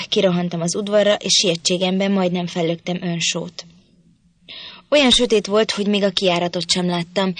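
A woman reading a novel aloud as steady, scripted narration on a close mic. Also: fairly low pitch. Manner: steady storytelling. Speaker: audiobook reader.

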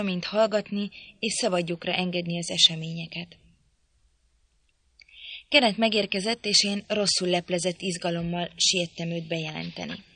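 A woman reading a novel aloud in a measured, steady storytelling manner. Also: lowish voice, dry recording. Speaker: audiobook reader.

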